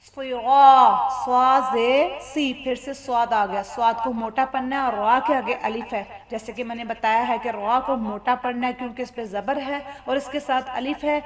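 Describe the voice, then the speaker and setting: A woman's voice: fairly high pitch, steady tone, normal speed, hardly any pauses. A woman teaching Quran recitation from Pakistan. She spells out letters and vowels patiently and draws out syllables so learners can repeat them.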